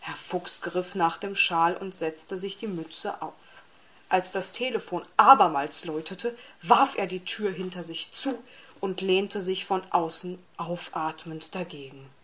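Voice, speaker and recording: A woman narrating a children's story in a calm, even storytelling manner. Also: fairly low pitch, a little slow.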